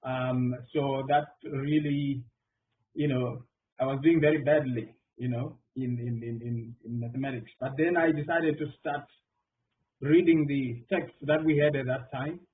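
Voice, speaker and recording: A middle-aged Zimbabwean mathematician answers a question on a round table panel, his mid-range voice full of fillers and restarts. He speaks at a measured pace with fairly even intonation, picked up by a distant mic over phone-like online call audio with faint noise.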